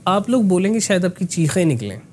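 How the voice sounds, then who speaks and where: Man explaining voice technique, slightly high. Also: sing-song, brisk, a little mellow, a little hiss or hum. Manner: explanatory, mixes in English phrases, frequent "ना" tags. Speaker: voice coach. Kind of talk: conversational voice lesson.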